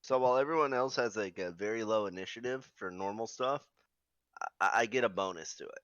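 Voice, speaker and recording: A man's voice: lowish voice, a little fast, fairly bright tone, dry recording. A man talking casually as a player in a tabletop role-playing game. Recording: dry, dull lo-fi audio.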